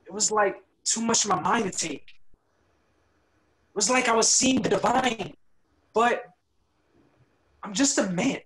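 A young man acting Solomon, a calm, earnest young peacemaker who talks of visions, in an amateur videoplay recorded over a video call. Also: sits high, a little slow, pauses often, rough recording. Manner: earnest, gentle and reflective.

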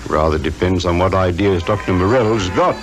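An English actor playing a bluff, joking police inspector with breezy, slangy talk in a 1950s radio drama. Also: male voice, low-pitched, normal speed, lightly acted. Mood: breezy, teasing. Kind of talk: 1950s British radio acting. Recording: 1950s radio recording with music behind.

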